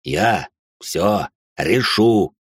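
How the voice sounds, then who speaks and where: A man reading an audiobook, voicing a big, tough, decisive father with a gruff, clipped delivery. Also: low voice, lively intonation, moderate pace, darkish tone, no echo, clean studio sound, exaggerated voice.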